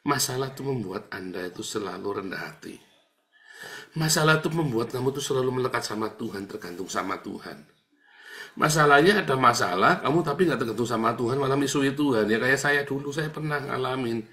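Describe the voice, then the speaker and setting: A middle-aged man preaching a sermon in a relaxed, conversational way. He often turns to address his listeners, rising to emphatic lines and dropping to a quiet murmured prayer. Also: mid-range voice, fairly quick. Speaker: pastor.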